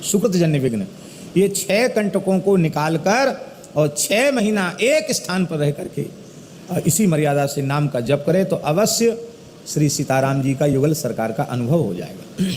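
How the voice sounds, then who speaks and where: A middle-aged man delivers a religious discourse in a somewhat high voice. He chants verses slowly and then explains them with animated emphasis. The sound carries a long hall echo over a faint background noise. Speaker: spiritual teacher giving a discourse.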